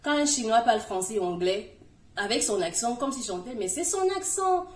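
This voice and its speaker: A woman's voice: a little high, lively intonation, moderate pace, slight background noise. A woman hosting a casual advice video, chatting directly to the viewer as she gives learning tips. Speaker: video host giving language tips. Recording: echoey room, voice from a distance.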